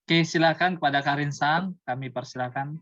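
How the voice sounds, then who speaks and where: A woman's voice: low voice, fairly quick, no room sound. A woman casually hosting an online talk. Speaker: host. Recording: dull, dry online-call audio.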